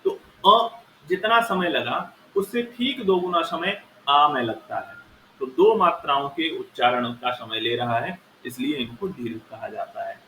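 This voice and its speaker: A man's voice: mid-range voice, animated, measured pace, bright, forceful tone. A man teaching Sanskrit grammar, explaining step by step and sounding out vowels aloud to show their length. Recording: echoey room with faint noise.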